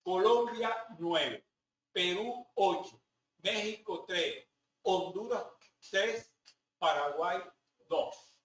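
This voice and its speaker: High-voiced Venezuelan man lecturing. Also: very slow, pauses often, fairly bright tone. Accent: Venezuelan Spanish. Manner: conversational, rhetorical asides to the audience. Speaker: professor. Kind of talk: classroom lecture. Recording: roomy hall, mic at a distance, faint background noise.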